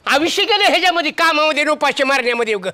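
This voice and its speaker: A man's voice: extremely high pitch, expressive, racing, pushed and bright, full character voice. An actor playing a grumbling, hungry old village farmer who scolds his wife. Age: older. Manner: scolding, complaining. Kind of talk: village comedy acting.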